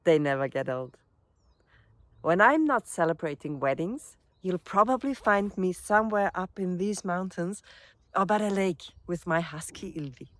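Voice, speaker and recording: A woman with an Austrian accent and a slightly low, expressive voice introduces her work as a wedding celebrant in a scripted, promotional narration to camera. Her phrasing is personal, reflective and measured. The recording is dry, with very little room sound.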